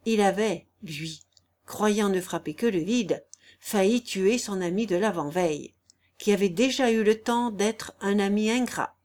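A woman narrating a literary audiobook in a clear, measured storytelling voice. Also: mid-range voice, darkish tone. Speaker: audiobook reader.

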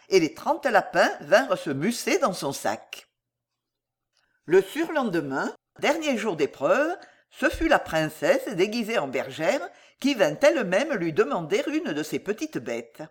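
Brief: female storyteller reading an old folk tale aloud, expressive and measured, lively pitch. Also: husky.

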